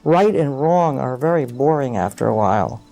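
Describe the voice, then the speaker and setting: A middle-aged man as an interview guest, talking thoughtfully with many pauses and fillers, explaining ideas with rising animation. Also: medium pitch, animated, creaky, warm tone. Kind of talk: reflective interview conversation.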